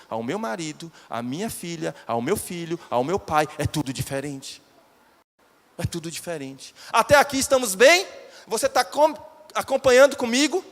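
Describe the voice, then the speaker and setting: Animated pastor in an echoing hall. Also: male voice, a little high. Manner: animated, questions the congregation directly. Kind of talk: live church sermon. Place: church hall. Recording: echoey church hall.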